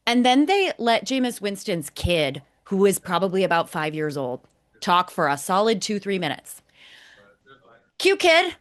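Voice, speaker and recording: On a motorsport podcast she co-hosts, a woman offers opinionated commentary on race broadcasts, emphatic and critical, breaking her points down one at a time. Her medium-pitched voice is very animated, yet she never rushes.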